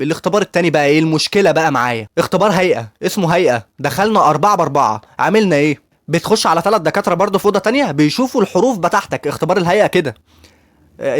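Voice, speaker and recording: A man's voice: a little high, lively intonation, dry recording, studio quality. A young man with an Egyptian accent telling his own story in a casual, chatty vlog, talking straight to his viewers. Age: young adult. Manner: rapid, chatty, addresses viewers directly. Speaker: YouTuber giving student advice.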